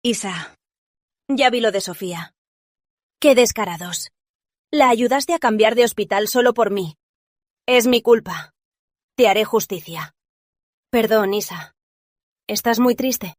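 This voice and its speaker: A woman's voice: fairly high pitch, a little slow, pauses often, darkish tone, no room sound, clean studio sound, natural voice. A woman voicing a worried, apologetic young friend, in a Spanish drama dub. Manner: apologetic, anxious.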